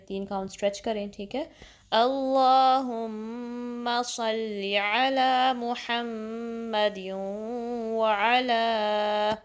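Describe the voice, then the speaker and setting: Woman teaching slow, drawn-out recitation. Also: a little high, a little mellow. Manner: patient, explains each sound, then recites slowly with stretched syllables; keeps checking in with "theek hai". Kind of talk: step-by-step recitation lesson.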